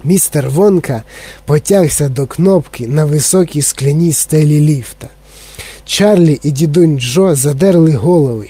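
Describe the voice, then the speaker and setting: A man reading a children's novel aloud as narrator, in steady, measured storytelling. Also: fairly high pitch, husky. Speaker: audiobook narrator. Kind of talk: scripted narration.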